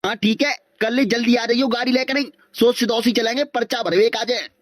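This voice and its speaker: Woman, slightly high voice, dry sound, plays a pleading village candidate for laughs. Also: steady tone, brisk, no echo. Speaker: comic sketch performer. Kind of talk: village comedy skit in rural dialect.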